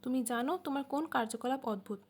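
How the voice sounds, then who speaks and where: A woman's voice: high voice, fast talker, a little mellow. A woman voicing a tearful young woman who gives short, firm replies.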